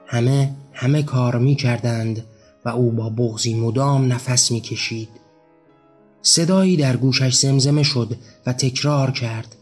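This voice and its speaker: A man reading a story aloud in a measured, grave narration style. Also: mid-range voice, a little mellow. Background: faint background music.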